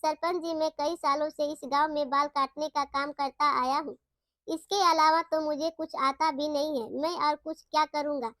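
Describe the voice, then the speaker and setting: A woman's voice: high-pitched, steady tone, normal speed, fairly bright tone, dry recording, clean studio sound. A woman voicing a poor, downhearted village barber in a storybook tale, pleading and sorrowful. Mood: sad.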